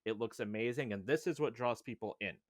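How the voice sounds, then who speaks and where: A man's voice: mid-range voice, brisk, a little hiss or hum. A man who runs tabletop game demos, chatting casually as a podcast guest, joking and hedging as he goes.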